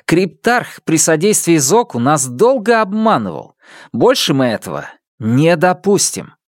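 Man acting out a young storybook detective, defiant, pitched up, lively. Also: unhurried, no echo, clean studio sound. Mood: accusing.

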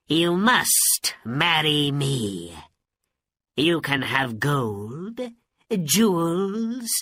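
Greedy, smug magician, read by a man, slow coaxing drawl, lively pitch. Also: dry recording, studio quality, heavily acted.

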